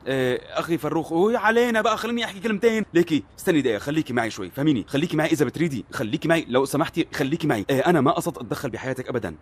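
A jittery middle-aged father with a Syrian accent in a dubbed TV drama. He rattles on at a breakneck clip in a husky, slightly high voice, always on the defensive. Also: expressive, very fast, hardly any pauses. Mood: flustered. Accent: Syrian Arabic. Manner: flustered, talks over others and protests. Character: fretful divorced father, defensive and excitable.

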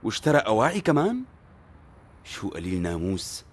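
A jittery middle-aged father with a Syrian accent in a dubbed TV drama. He rattles on at a breakneck clip in a husky, slightly high voice, always on the defensive. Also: expressive, racing. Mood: flustered. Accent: Syrian Arabic. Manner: flustered, talks over others and protests. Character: fretful divorced father, defensive and excitable.

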